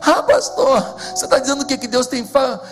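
A man's voice: very high-pitched, animated, brisk, creaky, pitched above the performer's own voice, heavily acted. A man voicing a doubting churchgoer who questions the pastor in a whiny, skeptical way. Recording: echoey hall with faint music.

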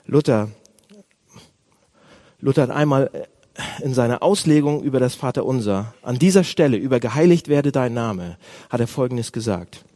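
A man preaching a sermon as a pastor, animated, swinging between loud outbursts and hushed asides. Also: mid-range voice, normal speed.

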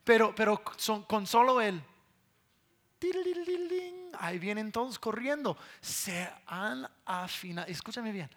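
A man's voice: high-pitched, normal speed, hardly any pauses, a bit bright. A man in his thirties preaching a sermon, telling a conversational story with repeated words and playful sound imitations.

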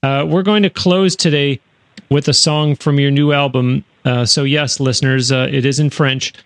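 A man's voice: mid-range voice, fairly even intonation, moderate pace, no room sound. A man hosting a radio interview show, recorded in a studio. He talks in a chatty way, with frequent fillers and restarts.

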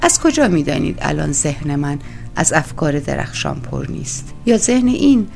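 A woman's voice: sits low, sing-song, vocal fry, a little mellow, soft background music, exaggerated voice. Koroviev, a sly mock-polite trickster, as a woman reads him. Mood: indignant. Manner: fawning, theatrical courtesy. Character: smooth-talking, mock-polite man, a devil's sly sidekick. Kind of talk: audiobook reading.

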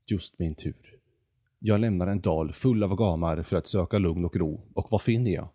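A man's voice: deep voice, mellow. A man voicing an earnest young man in a storybook reading, talking hesitantly and stammering. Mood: nervous.

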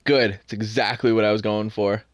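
Young guy running a sports podcast, talks opinionated and animated, dry close mic. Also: lowish voice, no room sound. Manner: opinionated, animated, quick asides. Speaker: podcast co-host. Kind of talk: casual sports chat.

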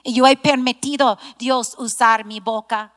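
A woman's voice: on the high side, fairly even intonation, unhurried, a bit bright, in a large hall. A middle-aged woman preaching a sermon to a women's gathering, earnest, emphatic and self-deprecating. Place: church hall.

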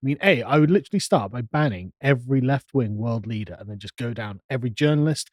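A man's voice: mid-range voice, lively intonation, fast talker, dry recording. A man co-hosting a live podcast, chatting casually, laughing often and mimicking voices. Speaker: podcast co-host. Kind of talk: casual banter on a live stream.

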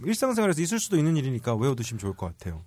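A man explains Japanese words earnestly in a relaxed, joking podcast. His pitch rises and falls in a lively way as he responds to his co-host. The recording is dry and close. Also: racing, dry recording. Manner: earnest explainer, laughs off jokes. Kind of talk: casual comedic podcast lesson.

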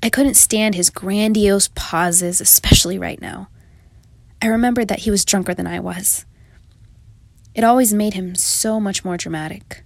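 A woman's voice: medium pitch, normal speed, creaky, no echo. Reflective woman narrating a memoir. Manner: reflective, confessional. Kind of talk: first-person memoir narration.

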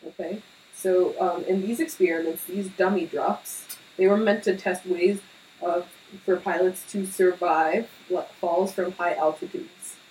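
A woman's voice: on the low side, fairly even intonation, a little slow, a little mellow. A young woman co-hosting a podcast, chatting casually with lots of fillers and tangents. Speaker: podcast co-host. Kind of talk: casual chat. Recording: slightly distant mic with faint hiss.

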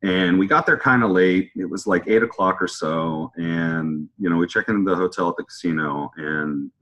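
A man with a husky voice casually telling a story in conversation, acting out quoted lines with a lively raised voice. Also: low-pitched, normal speed, lo-fi sound. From California. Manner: animated, acts out quotes with raised voice. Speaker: hot sauce maker telling his story.

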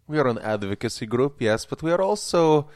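A man's voice: mid-range voice, lively intonation, fairly quick, darkish tone, no room sound, clean studio sound, natural voice. A man playing a pompous, fanatical Russian sour cream promoter with a heavy Russian accent and a solemn, faintly menacing manner, as a guest in a comedy interview. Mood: rapturous, sly.

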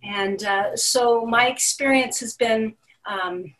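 A woman's voice: on the high side, slow pace, fairly bright tone, far from the mic, low-quality recording. A middle-aged woman recalling her years of fishing with family, with frequent uhs and repeated words. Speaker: guest, teacher and summer fisher. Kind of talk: casual interview answers.

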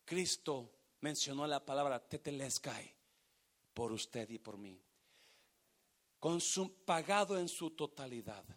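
A man preaching a sermon, swinging from hushed, drawn-out phrases to loud, emphatic bursts. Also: mid-range voice, animated. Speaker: pastor.

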